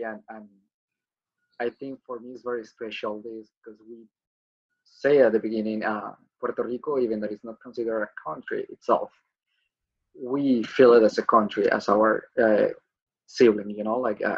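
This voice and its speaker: A man's voice: medium pitch, husky, lo-fi sound. Man hosting a video call. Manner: warm, thankful, halting with restarts. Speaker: host, musician. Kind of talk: casual video-call chat. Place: outdoor patio.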